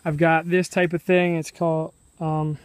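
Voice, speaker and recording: A young man filming a casual video diary outdoors at a rural building site, talking in a relaxed, chatty way with halting restarts. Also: a little high, clear, resonant tone, dry recording. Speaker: DIY vlogger.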